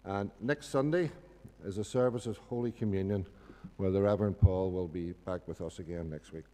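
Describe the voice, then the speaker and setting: Low-voiced Northern Irish man in a reverberant hall. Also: normal speed, mellow. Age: middle-aged. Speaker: church announcer. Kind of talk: informal church announcements. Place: indoor church hall at a lectern. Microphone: gooseneck lectern microphone.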